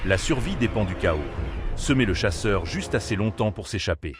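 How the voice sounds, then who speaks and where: A man's voice: on the low side, lively intonation, normal speed, background noise. A man delivering scripted wildlife documentary narration in a solemn, dramatic manner. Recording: narration over prominent music. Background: music.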